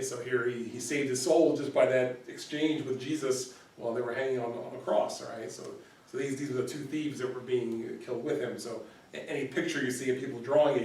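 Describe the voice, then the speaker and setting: A man's voice: mid-range voice, darkish tone, slight background noise. A man leading an informal Bible study, explaining in a conversational way, repeating words and often checking in with "right?". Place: church room. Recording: roomy echo, recorded from far off.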